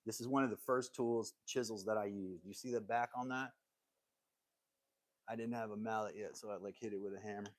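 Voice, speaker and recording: On the low side and steady in tone, an American man's voice comes through with no room sound as he hosts an easygoing woodworking livestream. Speaking a little fast, he rambles and answers comments from viewers.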